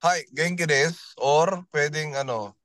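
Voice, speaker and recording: A male student chats casually in a language class, sharing stories with small restarts along the way. His voice sits a little high and sounds dry, with no room around it. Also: measured pace, fairly bright tone, no room sound. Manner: chatty, tells anecdotes with restarts.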